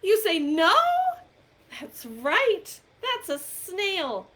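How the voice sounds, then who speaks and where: A librarian leads an interactive storytime for young children, reading aloud and singing, asking them questions and pausing for their answers. Her voice is very high-pitched, very animated and fairly bright, and she was recorded on a computer microphone.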